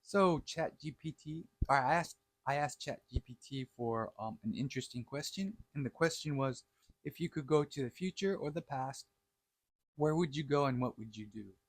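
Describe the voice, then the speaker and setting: A man's voice: medium pitch, lively intonation, moderate pace, dry recording. Male vlog host, casual and hesitant, eating as he talks, dry sound. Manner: eating and talking at once.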